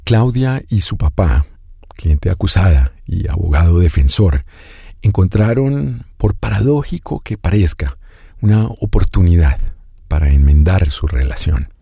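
A man narrating a documentary in a measured, grave way and also putting questions to the interviewee. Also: deep voice, lively intonation, vocal fry, warm tone, breathy edge, no echo, studio quality.

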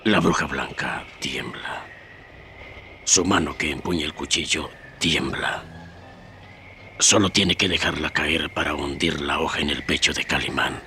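A man's voice: a bass voice, unhurried, sharp tone, a little hiss or hum, exaggerated voice. A man narrating an adventure radio serial as a grave, suspenseful storyteller. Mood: tense.

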